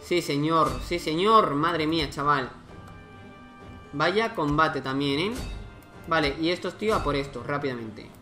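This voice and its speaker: A man's voice: on the high side, measured pace, pushed and bright, soft background music. Chatty man narrating his strategy game. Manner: chatty, thinking aloud, exclaiming. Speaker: gaming YouTuber. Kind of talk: casual let's-play commentary.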